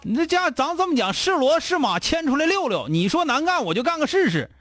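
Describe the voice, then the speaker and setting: Blunt high-voiced Northeastern Chinese man. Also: sing-song, over music. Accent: Northeastern Mandarin. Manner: blunt, scolding, rapid-fire rhetorical questions. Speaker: advice show host. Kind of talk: call-in advice chat.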